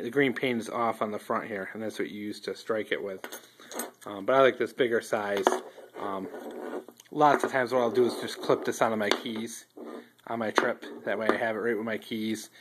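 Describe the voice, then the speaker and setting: A man casually reviewing outdoor fire starters, talking in a relaxed, rambling way with many ums and restarts, recorded on a phone he holds while filming a tabletop indoors. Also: lowish voice, background noise. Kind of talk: casual show-and-tell review. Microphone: handheld phone filming table close up.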